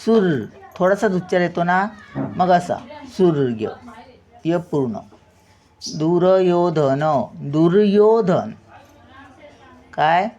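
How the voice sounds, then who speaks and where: A woman's voice: on the low side, animated, slow, a little mellow, dull audio. An older woman teaching a spelling lesson, patiently sounding words out syllable by syllable.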